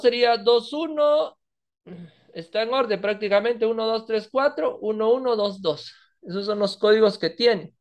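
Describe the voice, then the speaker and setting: A man's voice: sits high, a little mellow. A man teaching a database lesson over a screen recording, walking through each step and often checking in with "¿verdad?". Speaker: database instructor. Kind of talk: screen-recorded coding tutorial.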